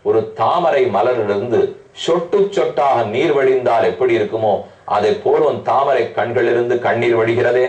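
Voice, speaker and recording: A man giving a devotional discourse, chanting scripture verses slowly and then explaining them in everyday speech. He stands well back from the mic in a roomy space with a clear echo, and his pitch sits in a middling range. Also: darkish tone, far from the mic, muffled recording. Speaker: religious discourse speaker.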